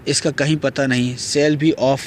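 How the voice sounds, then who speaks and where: A man's voice: medium pitch, little pitch movement, a little hiss or hum, natural voice. A man reading as an anxious pleading young wife. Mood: worried. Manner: worried, pleading. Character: anxious young bride waiting for husband.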